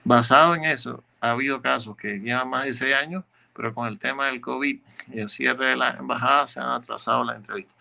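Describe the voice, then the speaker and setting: A man's voice: mid-range voice, fairly quick, creaky, sharp tone. A man working as an immigration lawyer, answering legal questions in a methodical, explanatory way, often repeating words as he searches for the next one.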